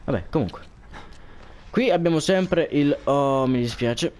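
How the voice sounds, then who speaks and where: A man's voice: on the high side, animated, measured pace, darkish tone. Jumpy, swearing man playing a horror game. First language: Italian. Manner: jumpy, swearing, joking to viewers. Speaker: gameplay commentator. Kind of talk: horror game let's play commentary.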